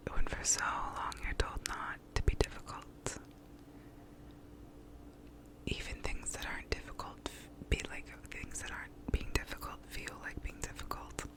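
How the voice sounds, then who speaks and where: A woman whispers an ASMR pep talk right up close to the microphone. She offers validating affirmations in an informal, reassuring way, with some casual swearing. The whole delivery stays in a whisper. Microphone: close to the mouth.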